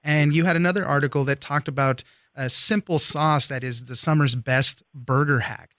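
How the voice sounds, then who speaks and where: A man's voice: a little high, fairly even intonation, normal speed, a bit bright, dry recording. Upbeat man hosting a radio chat. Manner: friendly, enthusiastic interviewer. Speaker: radio host. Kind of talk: radio interview.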